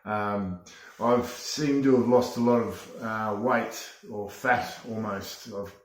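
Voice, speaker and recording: A man's voice: on the low side, takes it slowly. A man giving a casual, plain-spoken testimonial, feeling his way through his phrases a little hesitantly. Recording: echoey room.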